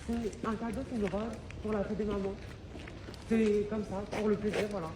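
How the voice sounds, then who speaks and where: Background noise runs under this French vlogger's casual narration to camera. The delivery is medium in pitch and normal in speed, full of chatter, expressiveness and dramatic reactions.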